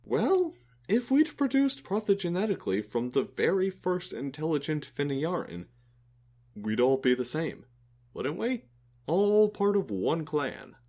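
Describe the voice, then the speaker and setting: An earnest, reflective male alien explains his views in an audio drama, voiced by a man. His delivery is lively, and his pitch rises and falls freely as he talks. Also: unhurried, full character voice. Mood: musing. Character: thoughtful male alien who befriended a human.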